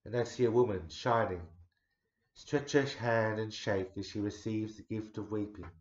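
A man in his forties giving a dramatic poetry recital, measured, swelling loud and sinking to a near hush. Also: fairly low pitch. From Australia. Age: 40s. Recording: roomy echo, dull lo-fi sound.

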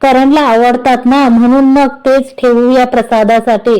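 A woman's voice: fairly high pitch, level tone, a little slow, warm tone, smooth, lightly acted, rough recording. A woman voicing a stern older woman of the household who scolds and gives orders, in a Marathi storybook reading. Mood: bossy. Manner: scolding, bossy.

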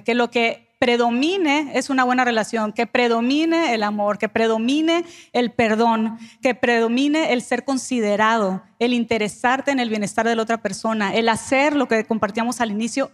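A woman co-speaking at a church couples conference, explaining relationship advice in a calm, measured way. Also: a little high.

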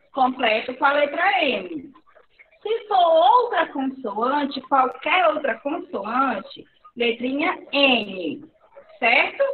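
A woman with a Brazilian accent teaching young children in an online class, patiently repeating words slowly in a sing-song way. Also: high-pitched. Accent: Brazilian Portuguese. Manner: slow, patient, sing-song word repetition. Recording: echoey, distant, phone-like online class audio.

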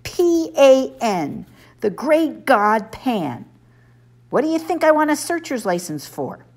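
A woman's voice: on the low side, very animated, unhurried, exaggerated voice. A woman voicing an earnest, plaintive young male satyr in an audiobook. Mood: indignant.

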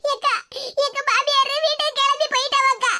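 A woman's voice: very high-pitched, fairly even intonation, moderate pace. A woman voicing a young cartoon wife who sobs and wails, with a Tirunelveli Tamil accent. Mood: wailing. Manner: wailing, sobbing. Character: crying young wife thrown out by her in-laws. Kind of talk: cartoon voice acting. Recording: noisy lo-fi recording.

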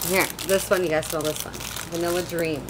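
A woman's voice: lowish voice, fairly even intonation, fairly quick, noisy background. A young woman chatting casually in a home vlog, rambling with lots of fillers, recorded on a desk webcam. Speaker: vlogger. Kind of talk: casual product haul chat. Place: small room at home, indoors.

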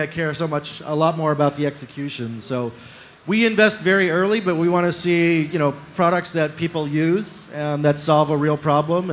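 A man speaking as an early-stage investor on a panel, measured, with frequent fillers. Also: fairly high pitch, a bit bright, slight background noise. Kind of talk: panel discussion. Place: stage in a large tent with an audience. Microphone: handheld mic.

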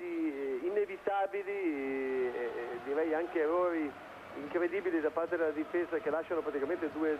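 A male co-commentator with a slightly high voice breaks down the play, often hesitating and repeating himself. The broadcast is dull, with faint stadium noise underneath. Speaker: football co-commentator, analyst. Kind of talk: live analytical football commentary. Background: stadium crowd noise.

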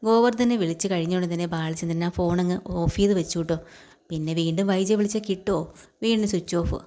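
Lady narrating a tv serial story, chatty, lowish mellow voice. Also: quick pace. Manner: conversational narration, voicing characters' lines in passing. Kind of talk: retelling a TV serial episode.

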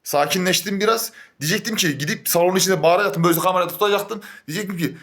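Young male vlogger, angry rant, higher pitch, mutters then flares up, swears oaths. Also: fast, a bit bright. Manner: heated, swings between muttering and raised voice. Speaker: gym-goer venting on camera.

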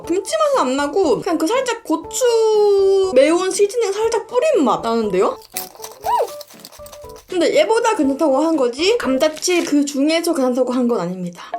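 A woman's voice: high voice, a little mellow. A woman chatting casually in a playful food-tasting vlog, reacting expressively between bites of crunchy chips. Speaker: vlog host.

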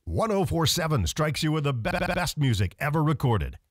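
A male radio promo announcer with a fairly high, lively voice that swings up and down. His punchy, hyped read is cut into a chopped stutter edit that repeats the opening syllable of a word. The recording is dry and close. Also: fairly quick, dry recording. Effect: chopped stutter edit repeating the first syllable.

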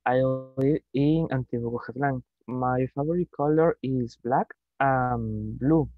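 Slow, hesitant man student. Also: medium pitch, narrow, tinny audio. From El Salvador. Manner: hesitant, with pauses. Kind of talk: reading a short self-introduction.

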